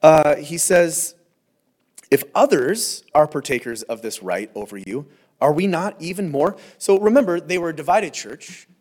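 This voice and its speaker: A male pastor giving a verse-by-verse sermon in a relaxed, conversational way, reading scripture aloud with emphasis between folksy asides. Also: fairly high pitch, unhurried. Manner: frequent fillers and restarts, folksy asides.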